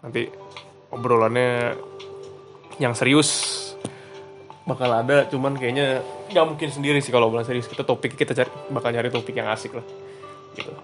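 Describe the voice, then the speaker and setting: A man's voice: medium pitch, steady tone, moderate pace, long pauses, over music. Chatty young man. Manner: chatty, slangy, laughs at own stories. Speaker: podcast host. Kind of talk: casual solo storytelling.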